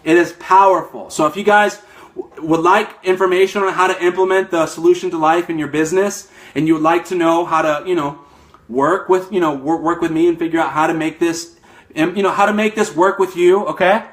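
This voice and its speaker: Man, young adult, high-pitched, emphatic motivational talk, slightly breathless, network marketing coach. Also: fairly even intonation, brisk. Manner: fired-up, emphatic, repeats "okay?". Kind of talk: motivational live stream talk.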